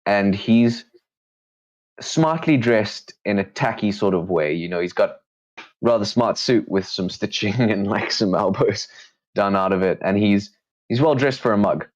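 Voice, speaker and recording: Low-voiced male game master. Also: a little slow, lo-fi sound. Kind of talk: improvised tabletop game narration.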